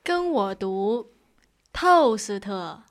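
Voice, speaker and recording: A strict young tutor. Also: female voice, mid-range voice, expressive, drawn-out words. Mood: instructive. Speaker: tutor in a lesson dialogue.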